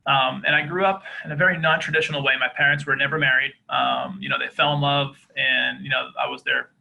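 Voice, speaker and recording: A man from East Boston with a softened Boston accent, telling his life story earnestly in a podcast interview. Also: medium pitch, level tone, fast, gravelly, dull audio. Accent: Boston, softened by years in Georgia. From East Boston, Massachusetts. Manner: earnest, open, many fillers. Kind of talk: candid conversational interview.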